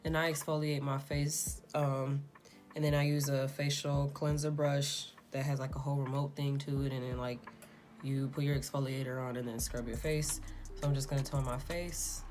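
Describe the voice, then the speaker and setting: Casual beauty vlogger, woman, low voice, flat rambling delivery, music underneath. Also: moderate pace. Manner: rambling, filler-heavy, self-described monotone. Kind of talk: casual makeup tutorial talk-through. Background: background music.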